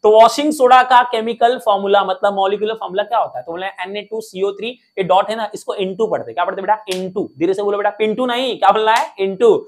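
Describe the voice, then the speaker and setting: A man teaching a lesson in a playful, energetic way, quizzing students with call-and-response questions and cracking jokes. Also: high voice, fast, few pauses. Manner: jokey, drops rhymes and mnemonics.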